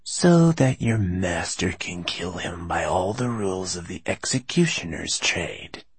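A man voicing a tiny, blunt old female moss woman healer who scolds in a gravelly, drawn-out way. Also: deep voice, animated, dry recording, exaggerated voice. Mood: curt. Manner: gruff, scolding, drawn-out words.

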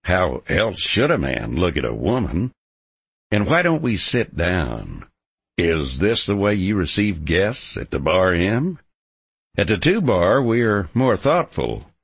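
Stubborn, romantic cowhand for western audiobook, male reader: gravelly, cocky, blunt, confident, lively pitch movement. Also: takes it slowly, no echo, heavily acted. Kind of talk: audiobook character dialogue.

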